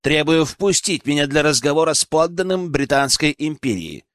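A man voicing an arrogant foreign envoy with a pompous, drawn-out delivery. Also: fairly high pitch, expressive, a bit bright, no room sound, clean studio sound. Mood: indignant. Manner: arrogant, drawn-out, shrieks when angry.

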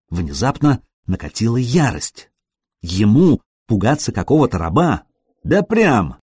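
A male audiobook narrator with a husky, slightly breathy voice and a pitch that rises and falls a lot. He reads in an expressive, storytelling style, recorded close up in a dry room. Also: dry recording. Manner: expressive reading that briefly acts out the characters.

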